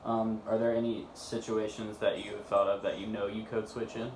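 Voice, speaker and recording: A man's voice: lowish voice, flat delivery, moderate pace, darkish tone, slight background noise. A young man in his twenties hosting a casual student interview, asking questions with many fillers and restarts.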